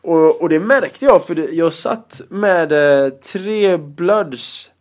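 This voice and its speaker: A male stand-up comedian being interviewed, telling lively anecdotes in casual chat and often laughing. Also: fairly high pitch.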